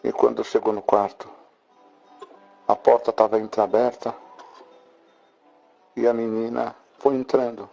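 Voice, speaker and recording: A man tells a church testimony with dramatic storytelling. His mid-pitched voice has a gravelly edge. The recording is dull and muffled, like an old church tape. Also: little pitch movement, measured pace, long pauses, dark tone, faint music behind. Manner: dramatic storytelling, acting out the child's voice. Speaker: preacher giving a testimony.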